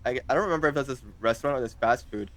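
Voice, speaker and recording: A man's voice: medium pitch, very fast, fairly bright tone, no room sound. A young man in his twenties, chatting casually as an interview guest, hesitant and full of fillers. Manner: hesitant, rambling with many fillers.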